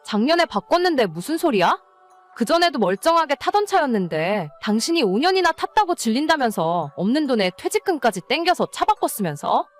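Woman acting exasperated scolding wife, animated higher voice. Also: brisk, soft background music. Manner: nagging, scolding. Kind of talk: scripted story narration and dialogue.

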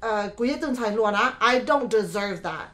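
A woman's voice: mid-range voice, expressive, a little slow, a bit bright. A woman on a talk show panel speaking casually, switching between English and another language.

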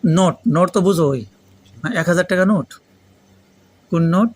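Higher-voiced Pakistani man teaching in learner's Bengali. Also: normal speed. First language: Urdu. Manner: foreign learner's Bengali, mixed with Urdu phrases; didactic, repeats and prompts with questions. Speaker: Arabic grammar teacher. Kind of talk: interactive lesson, explaining and quizzing students.

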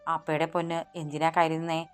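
A woman's voice: sits low, monotone, brisk, soft background music, close to an everyday voice. A woman voicing an anxious, loving young husband who presses with urgent questions, in an audiobook story. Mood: gentle.

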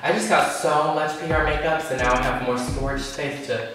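A man's voice: a little high, steady tone, normal speed, background noise. A young man in his twenties from Washington State, a beauty vlogger giving a bubbly, sassy tour of his empty apartment. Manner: bubbly, gushing, sassy exclamations. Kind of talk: casual vlog apartment tour. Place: large empty apartment indoors. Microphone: handheld camera at arm's length and far camera. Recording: very echoey empty room, distant mic, music behind.

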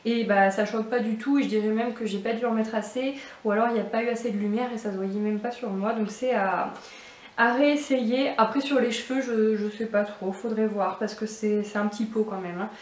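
A woman's voice: fairly high pitch, steady tone, fairly quick, distant mic. Chatty woman in an echoey room. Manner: chatty, hesitant with many fillers. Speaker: beauty box vlogger. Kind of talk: casual unboxing chat. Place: indoors at home.

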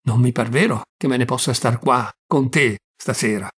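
A man's voice: mid-range voice, moderate pace, fairly bright tone, breathy edge. Man reading as a fussing old aunt. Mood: tender. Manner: fretful, fussing, tender. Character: flustered kindly old aunt, woman.

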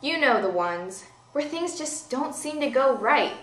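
A young woman playing an insistent infomercial saleswoman, delivering a scripted TV sales pitch. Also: expressive, a little slow, fairly bright tone, reverberant, rough recording. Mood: dramatic pitch. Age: young adult. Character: brisk infomercial saleswoman pitching a miracle serum. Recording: faint background noise, amateur video.

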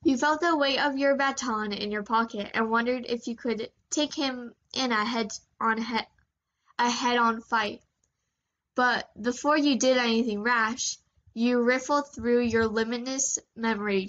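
A woman with a slightly sore voice reading second-person fanfiction aloud in a steady storytelling manner. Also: on the high side, a little slow, highs cut off. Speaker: fanfiction reader.

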